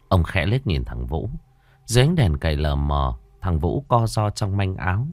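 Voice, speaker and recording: A man narrating a ghost story as a storyteller, slow and expressive. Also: sits low, no echo.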